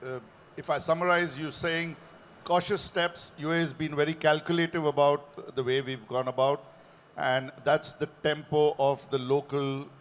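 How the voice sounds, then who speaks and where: A man moderating a panel who affirms and sums up each speaker's points, with hesitant fillers. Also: medium pitch.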